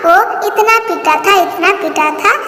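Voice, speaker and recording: Very high-voiced woman telling a cartoon story. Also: a little slow, bright, forceful tone, soft background music. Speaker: narrator. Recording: echoey hall with faint noise.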